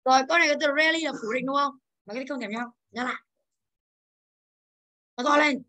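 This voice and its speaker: High bright woman teacher, drills the class with questions. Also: fast talker. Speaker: English teacher.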